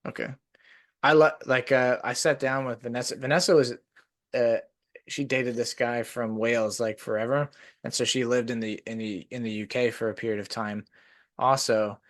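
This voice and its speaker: This is a man hosting a podcast in casual conversation, wandering through long stories and leaning heavily on the word "like." He has a steady, mid-range voice that's a bit bright, at a moderate pace.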